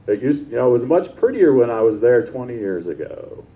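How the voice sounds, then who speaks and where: A man's voice: mid-range voice, sing-song, a little fast. A man preaching a conversational sermon, telling personal stories in a chatty, informal way and often tossing in "right?". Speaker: pastor. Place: church service. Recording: dull, lo-fi service recording.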